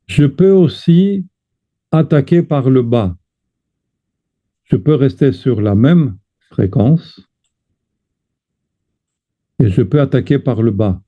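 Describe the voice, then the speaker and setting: A man teaches a chant lesson at a very slow, deliberate pace, pausing to sing short chant phrases. His pitch sits in a middle range. The recording is thin and tinny, like a phone line. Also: animated. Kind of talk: teaching lesson with sung examples.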